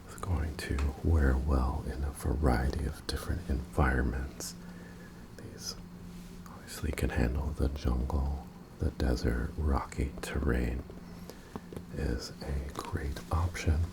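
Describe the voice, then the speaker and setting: A man in a whispered ASMR role-play as an attentive, courteous tailor, breathy and softly presenting his wares to a customer. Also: a bass voice, steady tone, takes it slowly, heavy background noise.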